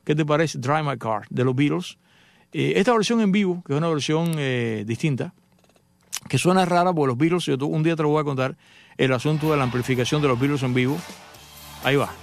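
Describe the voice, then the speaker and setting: Fast-talking radio host, gravelly voice. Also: male voice, a little high, faint music behind. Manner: joking, chatty storyteller addressing listeners. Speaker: radio host and motoring journalist. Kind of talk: casual radio talk with anecdotes.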